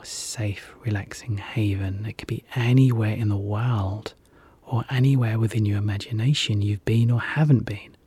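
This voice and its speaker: A relaxation guide leading a guided hypnosis session in a soft, soothing whisper, repeating gentle calming phrases. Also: mid-range voice, slightly rough, dry recording.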